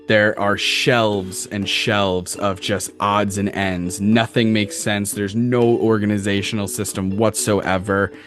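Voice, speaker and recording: Low-voiced man running a tabletop game. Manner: casual, descriptive, halting. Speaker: game master. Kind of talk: improvised narration of tabletop game.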